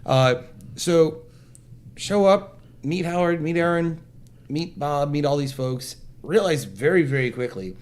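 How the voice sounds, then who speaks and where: A man's voice: fairly high pitch, animated, measured pace, darkish tone. A man telling a long story in casual chat, jokey and self-deprecating, acting out quotes. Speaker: event organizer guest.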